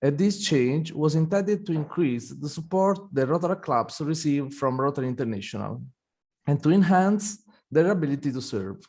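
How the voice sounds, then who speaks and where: Reading prepared welcome remarks to open an online meeting, an event host from Italy occasionally restarts his sentences. He speaks at a moderate pace in a fairly high, expressive, slightly mellow voice.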